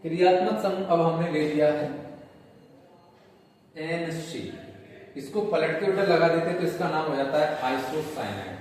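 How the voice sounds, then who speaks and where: A man's voice: on the high side, normal speed, long pauses, a little mellow. A man teaching chemistry in a patient, repetitive way, often calling students "beta". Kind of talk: classroom lecture. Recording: roomy echo, distant mic, faint noise.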